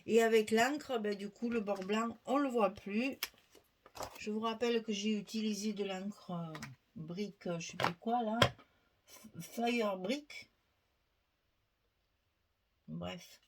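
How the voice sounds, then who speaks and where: A woman's voice: mid-range voice, measured pace, a little hiss or hum. A woman chatting her way through a scrapbooking tutorial, thinking aloud, filling gaps with little fillers and laughing at herself. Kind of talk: casual crafting tutorial.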